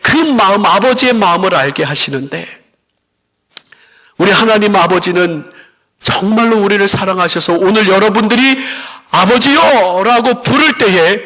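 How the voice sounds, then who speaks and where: A man's voice: expressive, moderate pace, pushed and bright, long reverb tail, low-quality recording. A man preaching a fervent sermon as pastor of a church congregation. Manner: fervent preaching, rising in pitch for emphasis. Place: church sanctuary.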